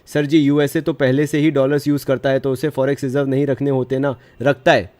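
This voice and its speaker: A man's voice: medium pitch, darkish tone. A friendly young man teaching a live online commerce class, mixing Hindi and English and answering students' chat comments in a reassuring way. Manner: friendly, reassuring, calls students brother and dear; mixes Hindi with English phrases.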